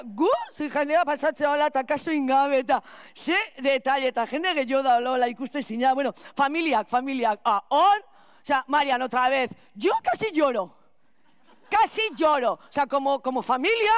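A woman playing a scatterbrained, chatty school cleaner in a clown stage monologue, rambling with restarts and loud outbursts. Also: sits high, expressive, moderate pace, no echo. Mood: gushing. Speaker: clown performer.

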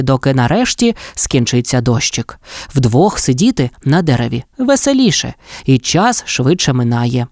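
A Ukrainian woman narrating a children's fairy tale. Her voice is low for a woman but very lively in its melody. The recording is close and dry. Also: no echo. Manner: expressive, lively storytelling. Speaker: storyteller.

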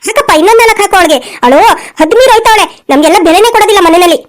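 Woman voicing a sly old cartoon mother-in-law, super high squeaky voice, rattles off lines really fast. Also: lively intonation. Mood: feigned pity. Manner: shrill, scolding, sly. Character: scheming spiteful older mother-in-law.

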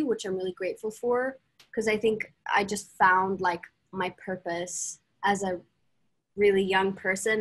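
Chatting on a video call from a small room, an upbeat young singer from Sweden answers interview questions through her laptop mic with no earphones. Her medium-pitched voice is fairly bright and husky, and she talks chattily with fillers and restarts. The recording quality is low.

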